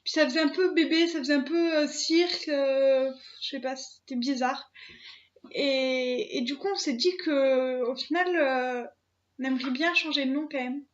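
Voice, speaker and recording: A young woman with a high, light voice chats casually to her camera, stopping often to restart her sentences and fill gaps with hesitations. The sound is dull and lo-fi, as if from a basic home recording. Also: fairly even intonation, normal speed. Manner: hesitant, many fillers and restarts. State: emotional, near tears. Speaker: channel host. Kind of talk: casual vlog talk to camera.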